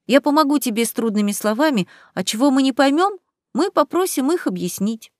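A woman reading aloud, voicing a gentle, shy teenage girl who speaks softly and earnestly. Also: high-pitched, expressive, brisk, dry recording, studio quality, voice pushed up. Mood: eager, earnest.

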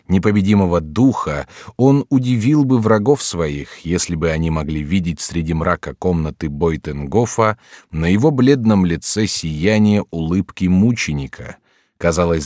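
A man narrates a classic novel in a measured, even way, with a deep, low voice. The recording is close and dry, with no room sound around him. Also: dry recording. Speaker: audiobook narrator.

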